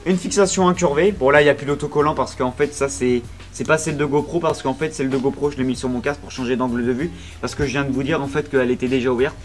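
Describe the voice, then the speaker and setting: A young man talking casually through an unboxing on his vlog, chatty and full of fillers, breaking into excited outbursts now and then. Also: medium pitch, quick pace, few pauses, faint music behind. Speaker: vlogger.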